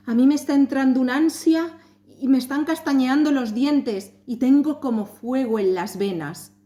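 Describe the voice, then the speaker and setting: A woman's voice: on the high side, lively intonation, normal speed, mellow, lightly acted. A woman voicing a frightened stepmother in an anxious, pleading tone. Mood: dread. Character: frightened stepmother, feverish with dread.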